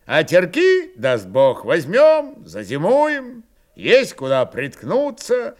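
A man's voice: sits high, wildly swooping pitch, slow, voice pushed up, heavily acted. A man voicing a worried Cossack who earnestly pleads with his comrades.

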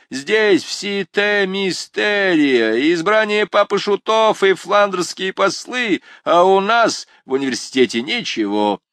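A man voicing a rowdy young male student who shouts mocking taunts. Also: sits high, dry recording, voice pushed up. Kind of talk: audiobook character voice.

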